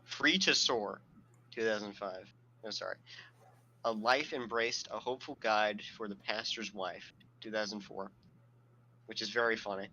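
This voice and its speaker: A man's voice: lowish voice, measured pace, sharp tone, highs cut off. A man co-hosting a casual podcast, reading quotes aloud with sardonic asides and frequent laughter. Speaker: podcast co-host.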